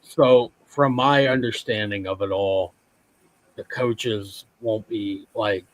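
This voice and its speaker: A man's voice: on the low side, fairly even intonation, takes it slowly, dry recording, poor audio. A man on a sports show panel, explaining things casually and somewhat hesitantly.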